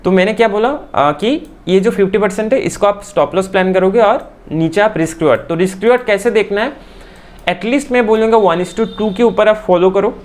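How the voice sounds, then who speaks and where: A man from India teaches a chart lesson at a fast clip. He keeps repeating phrases and checks in with his viewers constantly. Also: high voice, a little mellow. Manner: fast, repeats phrases, says "theek hai" often. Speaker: stock market trading teacher.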